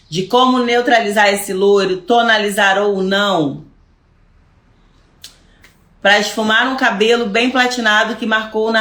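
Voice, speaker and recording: A woman's voice: on the high side, a bit bright. Chatty Brazilian woman teaching, echoey room. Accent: Brazilian Portuguese. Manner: chatty, repeats words while searching for them. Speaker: hairstylist teaching hair lightening. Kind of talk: live online class answering viewer questions.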